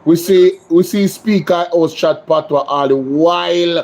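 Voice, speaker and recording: A man's voice: on the high side, measured pace, darkish tone. A Jamaican man hosting a live political reaction stream, emphatic and indignant as he responds to clips. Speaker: political commentary host.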